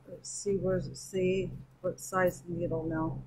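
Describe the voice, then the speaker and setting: On her crochet channel, a woman reviews yarn in an easy, unhurried, relaxed home chat, her fairly low voice a little husky. She thinks aloud and counts stitches under her breath as she works. The recording is rough, with an air conditioner running at home.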